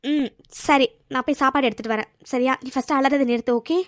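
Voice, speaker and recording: A woman's voice: high voice, quick pace, no echo, lightly acted. Woman voicing a fiery, protective cartoon friend. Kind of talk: cartoon voice acting.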